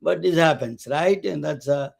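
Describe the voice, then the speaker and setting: A man hosting a webcast, introducing guests in a halting way with many restarts and fillers. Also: fairly high pitch, vocal fry, darkish tone. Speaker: webcast host. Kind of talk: casual interview introduction.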